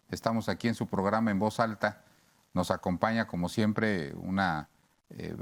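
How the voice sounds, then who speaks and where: A man with a Mexican accent hosting a radio talk show, explaining things at length with homely examples and lots of fillers and restarts. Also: lowish voice. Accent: Mexican Spanish.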